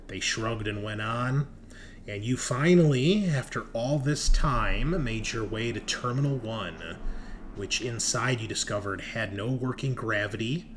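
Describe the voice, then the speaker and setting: A game master recaps a tabletop horror game, telling it in a dramatic, emphatic style. His voice is medium-pitched and unhurried, and the recording carries noticeable background noise.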